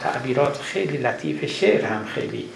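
A man lecturing to a live audience, explaining step by step and slipping into recited verse. His voice has a gravelly edge. The recording carries a roomy echo and steady background noise. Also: medium pitch. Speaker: lecturer on classical Persian poetry. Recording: echoey room with background noise.

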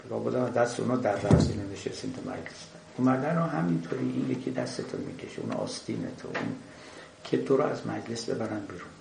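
A man giving a measured lecture, explaining a classic poem with frequent pauses and hesitations. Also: fairly low pitch, big pitch swings, creaky. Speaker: lecturer on the Masnavi. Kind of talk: lecture commentary. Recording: echoey room with faint noise.

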